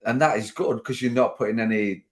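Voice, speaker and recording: A man from northwest England hosting a podcast, talking in a relaxed, easygoing conversational way. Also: mid-range voice, a little fast. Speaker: podcast host. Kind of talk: casual podcast interview.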